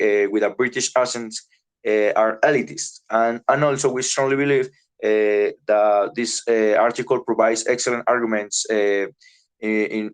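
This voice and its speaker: A young man giving a class presentation, halting and repeating words as he goes. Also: on the low side, smooth. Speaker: student presenter.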